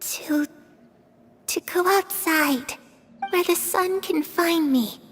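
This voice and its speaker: A woman voicing an innocent, wistful young ghost girl in a video game, speaking in a hushed, guileless way. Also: extremely high pitch, slow pace, faint music behind, full character voice. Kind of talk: scripted game dialogue.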